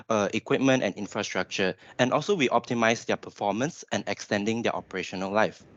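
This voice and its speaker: This graduate engineer presenter, a man in his 20s with a Malaysian accent, explains things informally during a webinar. He has a lowish voice, and the recording sounds lo-fi without echo.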